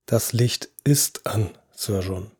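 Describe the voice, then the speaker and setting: A calm, patient neurosurgeon, voiced by the male narrator, reassuring and soft-spoken. His dark, husky tone sits close and dry, with no room around it. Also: lowish voice, slow pace, dry recording, exaggerated voice. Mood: soothing. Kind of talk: audio drama acting.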